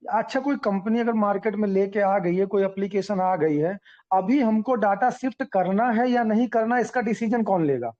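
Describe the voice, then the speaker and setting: Man, high and mellow, team leader on a muffled call, earnest and repetitive. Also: moderate pace. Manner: earnest, repetitive, explains with examples. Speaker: team leader addressing members. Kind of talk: online group call talk.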